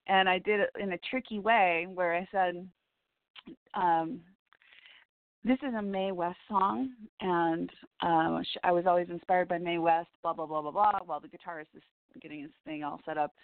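A radio host and psychic reader delivers a rambling spiritual monologue on her call-in show, her scratchy, hoarse, lowish voice steady and moderately paced as she chats heartfelt, laughs a little, and restarts sentences. Her sound comes over a tinny phone line, dry and close with no room around it.

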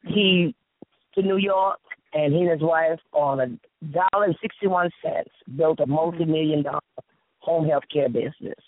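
Heard over narrow, tinny, phone-like audio with no room sound, this Sea Islands interview guest relates stories in her Lowcountry Gullah Southern accent at a moderate pace. Her intonation stays fairly even, though she's emphatic, repeats phrases, and acts out dialogue.

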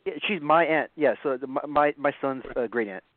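A man calling in to a radio show over a phone line, talking haltingly with lots of stammers, repeats and fillers. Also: medium pitch, no echo. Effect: phone-line call-in audio. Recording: tinny dry phone line.

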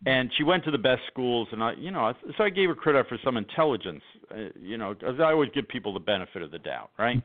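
A man's voice: medium pitch, very animated, quick pace, few pauses. Emphatic man on a phone line. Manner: emphatic, sarcastic, rambling with many fillers. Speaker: radio show guest, policy analyst. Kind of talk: political call-in radio talk. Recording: phone-line call-in audio.

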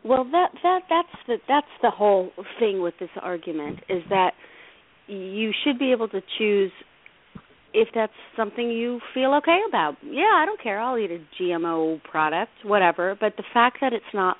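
A woman's voice: medium pitch, lively intonation, normal speed. Eager woman host over a phone line. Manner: enthusiastic, eager. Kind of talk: casual radio chat. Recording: phone-like call-in audio.

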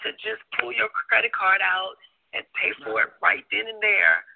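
A man's voice: high voice, normal speed, vocal fry. A man co-hosting a casual chat show, telling stories and acting out friends' lines, his voice giving out. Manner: acts out friends' quotes in storytelling. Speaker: co-host. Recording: tinny phone-line sound.

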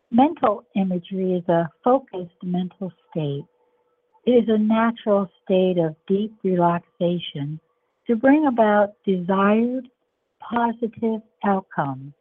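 Deliberate woman presenter, slow and lo-fi. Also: mid-range voice, no room sound. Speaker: show host. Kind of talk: presenting a self-help show. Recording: dull lo-fi sound with faint background noise.

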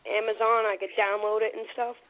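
A woman's voice: mid-range voice, little pitch movement, brisk. A woman calling in to a talk show, gushing and enthusiastic. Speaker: caller. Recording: tinny phone line.

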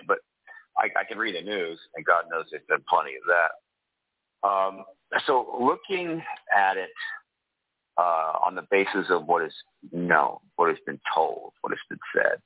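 An older man speaks in a deep, rich bass voice, congested with a cold. He answers as an interview guest in a halting, deliberate way. The radio audio is dry and slightly muffled. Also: no room sound. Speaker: guest, political activist and disclosure advocate. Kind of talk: interview talk.

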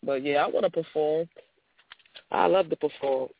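A man who is sick and congested talks in a relaxed, slangy way and laughs often. His voice is pitched a bit high and comes through a tinny, phone-like line. It sounds muffled, as if he were underwater. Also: moderate pace, gravelly, slight background noise. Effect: muffled, underwater-sounding call audio. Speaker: call-in co-host and performer. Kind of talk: casual chat.

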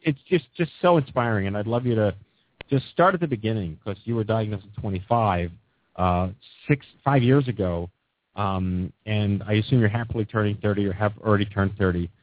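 A man's voice: on the low side, fairly quick, no echo. A man in his forties hosting a radio talk show, chatty and enthusiastic, rambling with many fillers and restarts. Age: 40s. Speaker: host. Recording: dry, tinny phone-like line.

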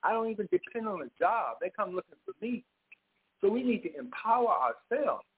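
Over a tinny phone line on a radio talk show, a male caller gives impassioned commentary, emphatic and firing off rhetorical questions. His voice is high, very animated, a little fast, and slightly rough.

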